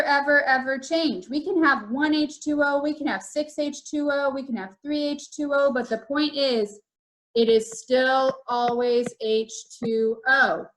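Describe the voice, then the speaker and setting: A young woman with a fairly high voice talks through a recorded video lesson. She explains step by step and patiently repeats the key rules so they stick. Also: a bit bright, poor audio. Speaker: teacher.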